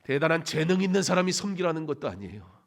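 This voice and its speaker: A man preaching a sermon in a church, swinging between loud emphatic bursts and quiet, intimate stretches, acting out quoted phrases. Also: a little high, very animated, fast talker, gravelly. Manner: acts out quoted phrases with big dramatic shouts. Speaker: pastor. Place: church sanctuary.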